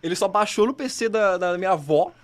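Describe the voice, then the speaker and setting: A young man from Brazil, a podcast co-host telling animated stories with laughter in casual chat. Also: sits high, a little fast. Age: young adult.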